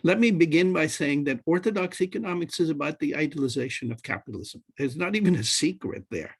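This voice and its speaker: A man from Pakistan arguing a point in an academic panel talk over a video call, measured and lecturing. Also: on the high side, lively intonation, creaky, husky. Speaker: panelist economist.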